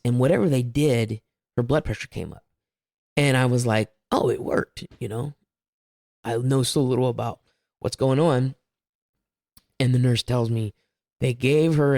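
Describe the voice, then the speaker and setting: A man's voice: mid-range voice, darkish tone, no room sound, studio quality. A man telling his family's story as a guest, candid and rambling, with a few self-aware laughs. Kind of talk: casual personal storytelling.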